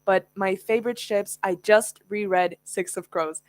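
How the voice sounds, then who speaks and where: Her mid-range voice stays steady and measured as she answers viewer questions, laughing a lot in a casual livestream Q&A. She's a young book YouTuber whose native language is Spanish, and there's no room sound.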